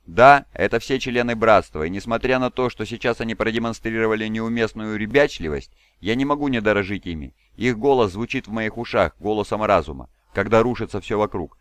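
A man's voice: fairly low pitch, expressive, a little fast, few pauses, clear, resonant tone, dry recording, close to an everyday voice. A man voicing a proud, fatherly giant male warlord who speaks in a solemn, commanding way.

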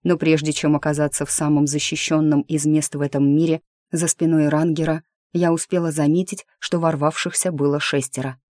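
A woman reading a first-person fantasy audiobook in a lively, wry storytelling manner. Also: low-pitched, a little fast, few pauses, dry recording, studio quality. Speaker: audiobook narrator. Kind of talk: scripted fantasy narration.

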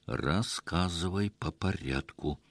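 A man voicing a jealous, frightened village wordsmith who speaks low and hoarse through gritted teeth. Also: sing-song, slow pace, no room sound, clean studio sound, full character voice. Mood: commanding.

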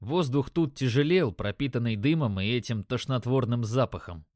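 A man narrating a story in a steady, measured audiobook style. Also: medium pitch, dry recording, clean studio sound.

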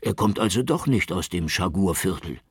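A man voicing a curious, excitable male innkeeper in an audiobook. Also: deep voice, moderate pace, breathy edge, dry recording, clean studio sound, heavily acted. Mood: astonished. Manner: excitable, questioning.

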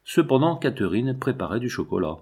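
A man narrating a novel aloud as an audiobook reader, in a measured, even way. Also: mid-range voice, husky.

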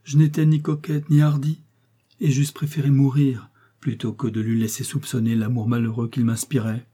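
A man's voice: medium pitch, level tone, moderate pace, dark tone, husky, close to an everyday voice. A man voicing a nervous aging woman servant who trembles and sobs as she pleads. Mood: tearful confession. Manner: trembling, sobbing pleas.

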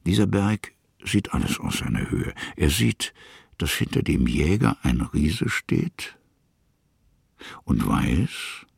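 A slow, musing male narrator tells a literary radio drama in the present tense, speaking in a full character voice that is very deep, husky and gravelly, crackling with heavy fry. He lays out each image in short, measured fragments with a sing-song lilt. The recording is close and dry.

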